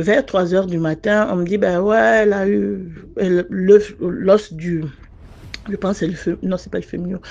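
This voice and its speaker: A woman's voice: medium pitch, dark tone. Earnest woman telling her own story. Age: adult mother. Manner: earnest and hesitant, with frequent pauses and restarts. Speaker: listener sharing a personal testimony. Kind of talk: casual first-person storytelling.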